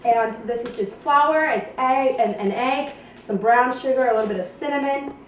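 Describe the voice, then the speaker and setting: Chatty and giggly, a woman hosts a home cooking demonstration, taking viewers through every step in her kitchen. She speaks at a moderate pace in a high-pitched voice, recorded with a distant mic in an echoey room with faint noise.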